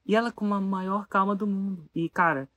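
A speaker, telling a story casually to an audience in an animated way and asking the listeners rhetorical questions. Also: mid-range voice, moderate pace, dry recording.

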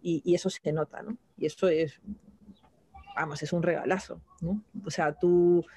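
A woman's voice: on the low side, steady tone, normal speed, dark tone, breathy edge, dry recording. A woman as an interview guest, talking casually and reflectively, often ending phrases with a questioning tag and restarting her sentences. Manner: reflective, frequent "¿no?" tags and restarts.

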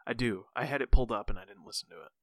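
A man's voice: mid-range voice, rapid-fire, a bit bright, dry recording. A man co-hosting a podcast in casual chat, loose and jokey, swearing freely. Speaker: podcast co-host.

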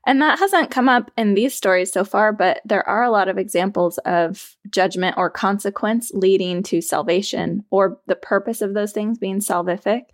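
A woman co-hosts a casual discussion, working through ideas tentatively as she speaks. Her pitch is average and the sound is very dry. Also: moderate pace, hardly any pauses, dry recording.

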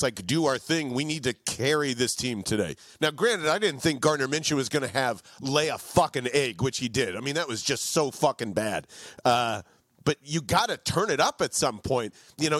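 A man rants about the game in emphatic, profane bursts, with a voice a touch high for a man. He sounds close and dry, with no room around him. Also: a bit bright, no room sound. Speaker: sports podcast co-host. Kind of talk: casual sports talk.

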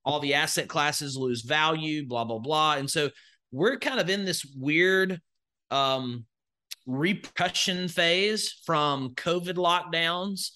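A man's voice: a little high, takes it slowly, bright, forceful tone, smooth. Folksy Southern man, rambling. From Northwest Alabama, US. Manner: rambling, folksy, many fillers and restarts. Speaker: guest, crypto educator. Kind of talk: conversational interview.

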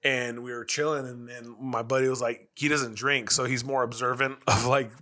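Man, bright tone, casual podcast co-host, slangy relaxed storytelling. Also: medium pitch, normal speed. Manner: laid-back slangy storytelling, swears freely. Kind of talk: casual chat.

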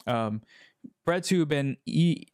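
A man's voice: a little high, expressive, slow, darkish tone, no echo, studio quality. A man talking casually as a video commentator, rambling with many fillers and restarts. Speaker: YouTube commentator. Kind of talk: casual conversation.

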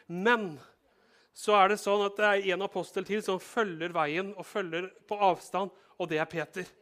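High-voiced, lively male pastor preaching. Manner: lively, humorous, conversational preaching. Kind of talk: sermon.

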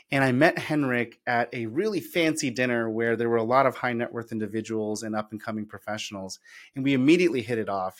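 Man, podcast host, casual interview, enthusiastic, chatty, mid pitch.

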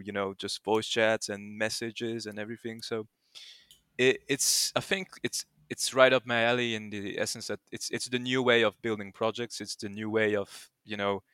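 A man's voice: fairly low pitch, sharp tone, smooth, dry recording, clean studio sound. A young man in his twenties with a French accent, a guest in a casual podcast interview who rambles with many fillers and restarts. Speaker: guest, project founder.

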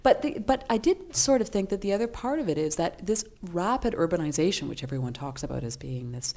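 A woman's voice: lowish voice, lively intonation, fairly quick, darkish tone. A woman, co-hosting a casual chat, thoughtful and teasing dryly. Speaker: co-host.

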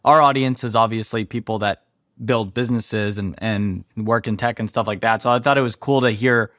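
A man's voice: lowish voice, fairly even intonation, normal speed, fairly bright tone, no echo, studio quality. A man co-hosting a podcast in casual, conversational chat. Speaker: podcast co-host.

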